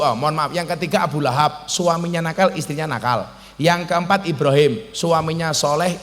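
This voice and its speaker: A man preaching a humorous sermon to a crowd at an outdoor mosque event, teasing his listeners and jumping between loud exclamations and low asides. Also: in a large hall.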